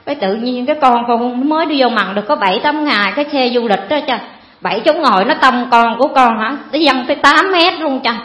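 A woman's voice: a little high, a bit bright. A woman, giving a rambling, earnest personal testimony to a priest. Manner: rambling, earnest, fills pauses with "cái" and calls the priest "cha". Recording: echoey, dull hall sound.

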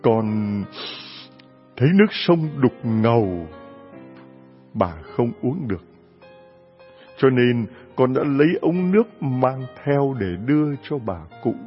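A man voicing a poor young orphan girl who answers softly and tearfully, pleading, on a dull lo-fi recording. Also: mid-range voice, expressive, takes it slowly, pauses often, soft background music, voice pushed down. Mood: earnest, pleading.

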